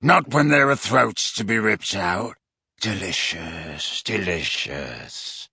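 A man voicing a savage werewolf with a rasping, barking voice, slow and leering. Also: low-pitched, expressive, sharp tone, no room sound, clean studio sound, pitched below the performer's own voice, exaggerated voice. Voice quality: rasping bark.

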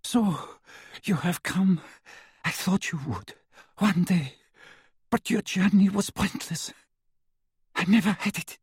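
A man's voice: sits high, slow pace, long pauses, darkish tone, breathy edge, no room sound, clean studio sound, voice pushed up, exaggerated voice. A man voicing a frail, toothless old male prisoner who speaks faintly and mockingly.

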